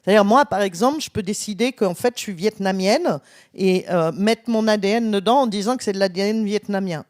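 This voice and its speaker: A woman's voice: mid-range voice, fairly quick, darkish tone, dry recording, clean studio sound. A woman from France, a genetics professor, explaining with enthusiasm and many fillers and restarts. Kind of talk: explanatory conference conversation. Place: conference stage.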